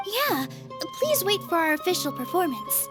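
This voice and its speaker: Very high, girlish young dancer. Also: sing-song, normal speed, loud music behind the voice. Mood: friendly. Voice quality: girlish, soft-mannered. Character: Nilu, gentle, sweet young female dancer, earnest and polite. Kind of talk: video game voice acting.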